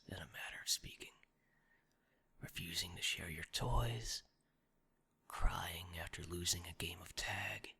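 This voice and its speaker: A man's voice: low-pitched, pushed and bright, exaggerated voice. A man voicing a sly, gloating shoulder devil in a whispered role-play, savoring ornate words with theatrical relish. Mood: sly, leisurely. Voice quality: gravelly, husky, breathy. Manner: theatrical, ornate, alliterative, savoring each word. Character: sly, gloating shoulder devil, weary office-worker of sin.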